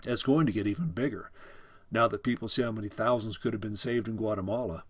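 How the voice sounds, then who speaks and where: A man's voice: fairly low pitch, fast talker, dry recording, close to an everyday voice. A man reading as a smug male online quake forecaster. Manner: self-satisfied, aggrieved.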